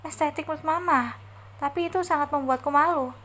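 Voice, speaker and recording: A woman voicing a spoiled, indignant young bride who complains in a raised, higher voice. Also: fairly quick, bright, forceful tone. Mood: whiny.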